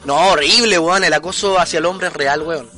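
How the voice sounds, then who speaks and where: Fast-talking Chilean man, high bright voice. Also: soft background music. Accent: Chilean Spanish. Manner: slangy, rapid storytelling, acts out voices. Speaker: podcast co-host. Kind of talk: casual storytelling chat.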